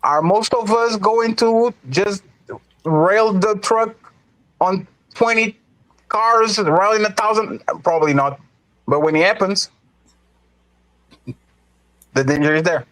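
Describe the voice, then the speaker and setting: A man with a fairly high voice hosts a casual online debate stream. He presses his points hard and repeats himself to make sure he's heard. The sound is dry, with no room echo. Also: slow, long pauses, a bit bright. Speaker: streamer hosting the show.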